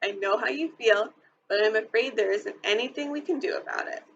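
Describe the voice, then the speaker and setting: A woman voicing a kind but firm kindergarten teacher in a storybook reading, gentle and patient. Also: fairly high pitch, fairly quick, creaky, dull audio, a little hiss or hum. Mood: soothing.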